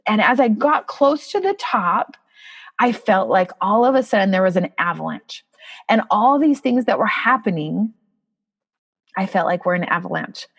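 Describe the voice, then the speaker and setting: A woman in her thirties, a podcast guest, telling a personal story in an expressive, emotional, conversational way. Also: mid-range voice, moderate pace, vocal fry, breathy edge. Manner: expressive, emotional, animated retelling.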